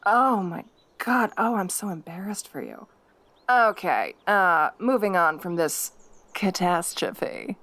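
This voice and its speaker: In an audio role-play, a woman voices a jealous fox girl, using a lively, swooping full character voice that sits on the low side and moves slowly. Scornful and jealous, she taunts her rival and issues threats with gleeful, possessive menace.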